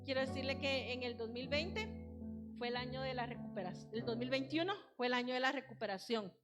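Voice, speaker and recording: High-voiced woman preaching over music. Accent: Guatemalan Spanish. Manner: earnest, exhorting, slows for emphasis. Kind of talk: sermon. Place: church. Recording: church livestream with music behind. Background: instrumental music.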